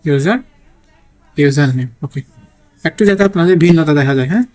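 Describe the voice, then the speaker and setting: A man's voice: on the high side, a little fast, darkish tone. A man teaching a programming lesson while typing code, thinking aloud and often checking in with "okay?". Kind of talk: screen-recorded coding tutorial.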